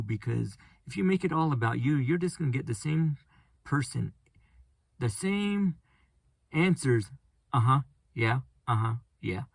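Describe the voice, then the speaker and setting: A man hosting a casual solo podcast, speaking in a flat, monotone voice and rambling with frequent restarts. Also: mid-range voice, creaky, no room sound. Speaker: podcast host.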